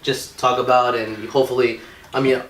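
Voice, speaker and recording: A young man co-hosting a casual podcast chat, slangy and quick to laugh. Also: medium pitch, a little hiss or hum. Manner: animated, laughs a lot, slangy. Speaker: podcast co-host. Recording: echoey room from far off.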